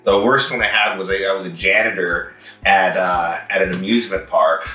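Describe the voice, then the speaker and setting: An excited man from Mexico rambles through his testimonial, full of fillers. His voice is low-pitched and sharp. He sounds set back from the mic in an echoey room, with music underneath. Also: moderate pace, distant mic. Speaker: customer testimonial. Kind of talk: casual testimonial.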